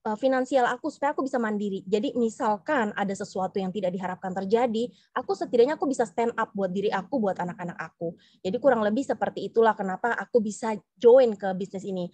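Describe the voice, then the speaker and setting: A woman's voice: medium pitch, a little mellow, no echo. A woman in her thirties from South Sulawesi telling her personal story in an earnest, heartfelt way. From South Sulawesi, Indonesia. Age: 30s. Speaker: business presenter, stay-at-home mom. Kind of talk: personal testimonial talk.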